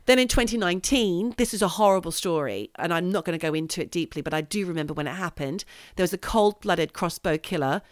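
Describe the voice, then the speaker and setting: A woman's voice: lowish voice, quick pace, few pauses, no room sound, clean studio sound. A woman co-hosting a podcast, recounting crime cases in a conversational way with playful interjections. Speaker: podcast co-host. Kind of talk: casual true-crime chat.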